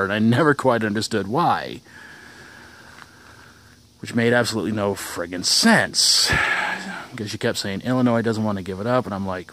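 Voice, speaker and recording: A man's voice: medium pitch, fairly bright tone. A young man telling a casual vlog story outdoors, rambling, with restarts and chuckles. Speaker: vlogger.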